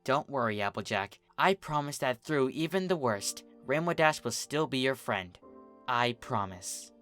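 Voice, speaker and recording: In a cartoon fan story, a narrator voices a young female pony who is bookish and reassuring, speaking in a gentle, earnest, articulate way. The delivery is medium-pitched, expressive and a little slow, with soft music playing underneath.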